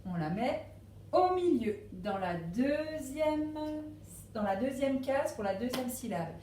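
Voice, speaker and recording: A woman teaching a phonics lesson to young children at a distance, speaking slowly and patiently and stressing each syllable. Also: a little high, very animated, dark tone, reverberant, a little hiss or hum. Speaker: primary school teacher. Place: classroom with a board.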